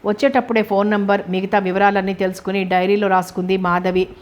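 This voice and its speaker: A woman reading a novel aloud as an audiobook narrator. Her voice sits at a middle pitch and stays flat and even, with a steady, scripted delivery. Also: quick pace.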